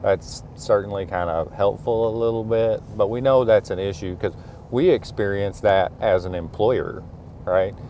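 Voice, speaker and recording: With faint car engine and road noise in the background, a middle-aged man who is a school superintendent talks casually as he drives his truck at night. His voice is fairly low with a dark tone, and he speaks at a moderate pace, thinking aloud and using many fillers.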